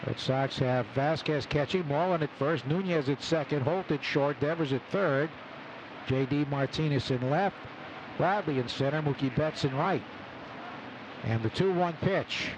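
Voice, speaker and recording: Calling a baseball game live on radio, a man uses short, clipped phrases at a normal speed, his voice on the high side. The outdoor ballpark is noisy, with constant background sound.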